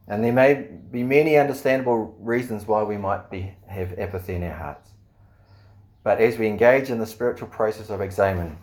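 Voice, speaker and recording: A man preaching a sermon in an earnest way, asking the listeners questions and often pausing on fillers. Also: lowish voice, a little mellow. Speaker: pastor.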